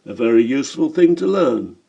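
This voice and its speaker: A man's voice: mid-range voice, big pitch swings, brisk, gravelly, dark tone, slightly rough, dull audio, heavily acted. A man voicing a boastful, sly middle-aged German swindler in an audiobook story, talking with a chuckle.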